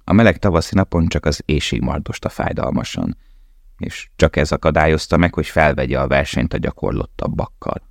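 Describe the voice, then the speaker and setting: A man reading an audiobook in a steady, measured narration. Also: very deep voice, vocal fry, no echo, clean studio sound. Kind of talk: scripted narration.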